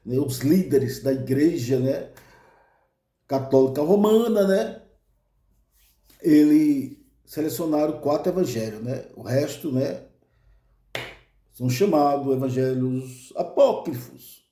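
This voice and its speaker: A Brazilian man with a Brazilian Portuguese accent, telling a comic story and chuckling often as he fills his pauses with "né". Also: on the high side, lively intonation, warm tone, roomy sound.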